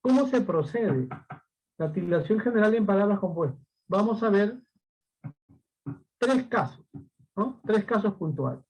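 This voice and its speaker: High-voiced man teaching grammar. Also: expressive, a little slow, pauses often, a little mellow, breathy edge, rough recording. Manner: asks rhetorical questions and repeats points; patient, explains step by step. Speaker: language teacher. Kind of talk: recorded class lesson.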